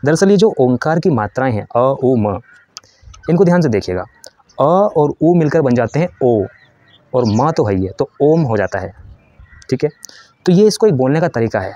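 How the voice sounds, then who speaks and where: A man's voice: mid-range voice, very animated, normal speed, long pauses, dark tone, no echo, highs cut off. A man giving a patient spiritual lesson. He explains step by step, asks questions and answers them himself, and shows how to chant. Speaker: spiritual teacher.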